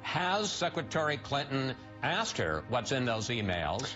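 A man's voice: medium pitch, very animated, a little slow, a bit bright. A man in his sixties interviewing in a studio, pressing with repeated direct questions. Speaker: TV news interviewer. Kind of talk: political TV interview. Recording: muffled broadcast audio with music behind.

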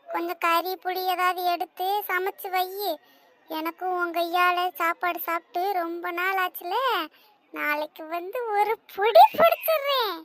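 A woman voicing a strict, scolding mother of two girls, stern and drawn-out. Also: very high voice. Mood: warm. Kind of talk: cartoon voice acting.

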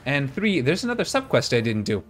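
A man's voice: mid-range voice, sing-song, brisk. Casual male gameplay streamer. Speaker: video game streamer. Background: game music.

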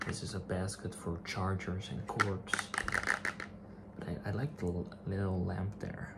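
Man in his twenties, soft-spoken ASMR, hushed, hesitant, gravelly fry, loud clicking and tapping noise. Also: little pitch movement, measured pace. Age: 20s. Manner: hushed, low-key and hesitant. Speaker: ASMR video creator. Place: small attic bedroom, indoors. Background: clicks, tapping and object handling.

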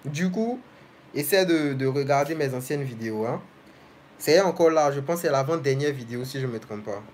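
A man's voice: medium pitch, animated, moderate pace, darkish tone, a little hiss or hum. A young man hosting a casual live stream, reading viewers' comments aloud and answering each one directly and familiarly.

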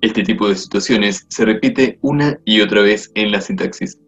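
A man reading a grammar textbook aloud in a measured, explanatory way. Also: on the low side, a bit bright. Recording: dull lo-fi audio with faint music. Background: faint music.

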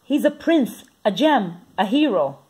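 A woman's voice: sing-song, unhurried, mellow, husky, full character voice. A woman voicing a fretful, gushing older female babysitter in a storybook reading. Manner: high, gushing, dramatic.

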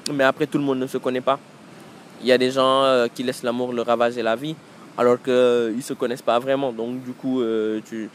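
A man hosts a podcast as a casual, reflective monologue, his medium-pitched voice carrying a slight hiss or hum. He often restarts and repeats words, moving between Wolof and English.

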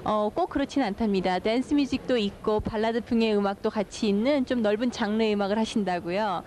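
A woman interpreting between Korean and English in a hotel lounge, speaking quickly and politely. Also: medium pitch, a little mellow. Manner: rapid, fluent, polite.

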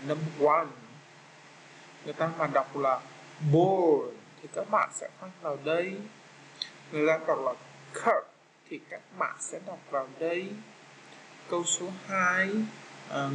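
Slow, bright Vietnamese-accented male teacher. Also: on the high side, slight background noise, low-quality recording. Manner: patient, repeats English words slowly for kids. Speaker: English teacher for young children. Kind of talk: slow walkthrough of a children's English exam.

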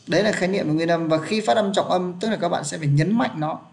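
A man's voice: high voice, fast, creaky. Man teaching pronunciation. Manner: patient, keeps checking that students follow. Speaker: English teacher. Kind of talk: live online pronunciation class.

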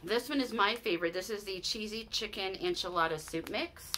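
A woman in her forties with a Utah American accent talks quickly to camera in a medium-pitched voice, with background noise audible. It's a casual shopping haul vlog shot in a small room at home, and she's chatty and excited, restarting frequently and peppering her talk with "you guys."

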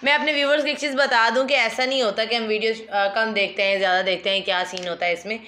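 A woman from Pakistan chatting casually to viewers after a clip, with quick interjections. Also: fairly high pitch, steady tone, pushed and bright. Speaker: reaction video host. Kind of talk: casual chat.

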